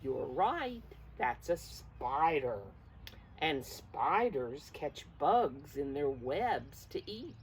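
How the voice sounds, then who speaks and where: A preschool teacher reads a picture book to young children extremely slowly, her slightly low voice full of lively, swooping intonation. She coaxes them expressively and speaks to them directly, inviting them to guess along. Some background noise is present.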